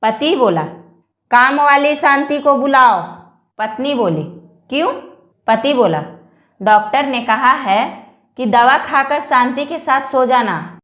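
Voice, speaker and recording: Woman joke narrator, high and lively, unhurried delivery, echoey room. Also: dull audio. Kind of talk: read-aloud jokes.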